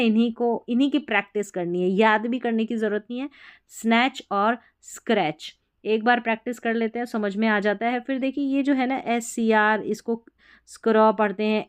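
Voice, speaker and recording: A woman teaching English spelling rules in Hindi, patiently sounding out each word slowly and repeating it so it sinks in. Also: a little high, clear, resonant tone. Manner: patient, repeats words slowly to model pronunciation.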